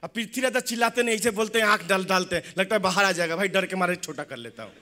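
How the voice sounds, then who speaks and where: High-voiced young male motivational speaker. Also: fast. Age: young adult. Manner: animated, joking storytelling. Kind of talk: live motivational talk.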